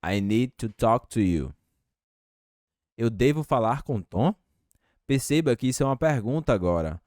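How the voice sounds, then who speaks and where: A man teaching English in a lesson, slowly repeating example phrases. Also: mid-range voice, expressive, darkish tone, no echo, clean studio sound. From Brazil. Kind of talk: language lesson.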